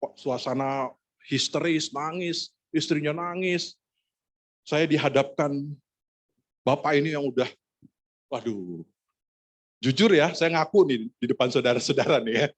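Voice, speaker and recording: A male pastor telling a personal story in a sermon, animated and self-mocking, acting out the dialogue. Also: on the high side, unhurried, long pauses. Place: church service.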